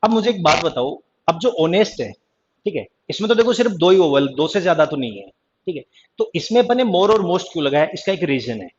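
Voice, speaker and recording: A man's voice: a little high, very animated, a little fast, slight background noise. A male teacher runs a live online grammar class in a slightly raised voice. He keeps teasing his students and calling them back to attention. The audio sounds dull and lo-fi. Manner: teasing, chatty, keeps repeating "ध्यान देना" and "ठीक है जी". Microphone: online class stream mic.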